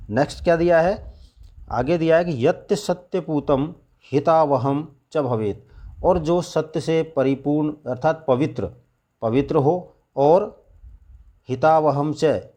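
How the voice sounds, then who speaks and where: A male school teacher giving a lesson, reading Sanskrit phrases aloud and explaining each one slowly to his students. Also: medium pitch, darkish tone. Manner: addresses students as children, repeats "ठीक है". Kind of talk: classroom lesson explaining Sanskrit verses in Hindi.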